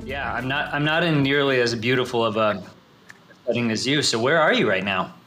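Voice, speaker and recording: A man's voice: mid-range voice, a little fast, music in the background. A man hosting a podcast interview in casual, effusive, informal chat.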